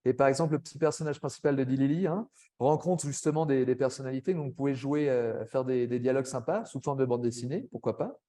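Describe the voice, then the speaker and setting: A man giving a webinar presentation to language teachers, chatty, with frequent tag words and quick asides. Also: mid-range voice, dark tone. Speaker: French language teacher trainer.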